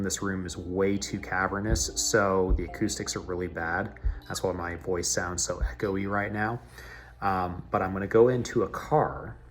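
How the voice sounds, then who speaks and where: Man, gameplay commentator, chatty and low-pitched, recorded with heavy echo in a large cavernous room. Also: fairly bright tone. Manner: chatty, talks himself through menus. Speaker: mobile game video host.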